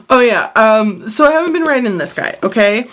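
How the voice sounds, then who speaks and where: A woman's voice: a little high, expressive, normal speed, a bit bright. Woman, planner vlogger, short of breath, tired, rambling, apologetic, casual chat, at home. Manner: rambling, apologetic, easily sidetracked. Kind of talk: casual chatty vlog.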